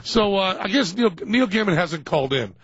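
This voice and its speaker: A man's voice: high-pitched, animated, moderate pace, fairly bright tone, slightly rough, no room sound. A man with a New England accent hosting a casual radio talk show from a home studio, sputtering with mock outrage. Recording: dull lo-fi radio broadcast.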